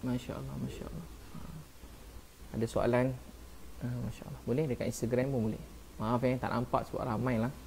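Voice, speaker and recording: A man with a Malaysian Malay accent, a preacher talking casually on a live stream, soft-spoken and earnest, often saying "ha" and "Masya Allah". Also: medium pitch, steady tone, a little fast, creaky, pauses often, slight background noise. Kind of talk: casual live-stream talk answering viewers.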